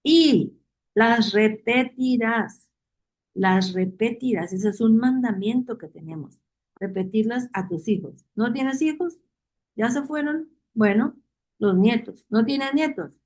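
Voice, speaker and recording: Mellow-voiced woman teaching Bible study. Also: a little high, animated, unhurried, rough recording. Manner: reads verses aloud and asks the class questions; repeats key phrases for emphasis.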